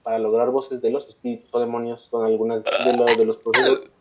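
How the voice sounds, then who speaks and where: A man's voice: mid-range voice, little pitch movement, fairly quick, a little hiss or hum. A man with a Mexican accent, a podcast co-host reading a scripted segment between casual banter. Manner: reads long passages, breaks into slangy chat. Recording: dull lo-fi podcast audio.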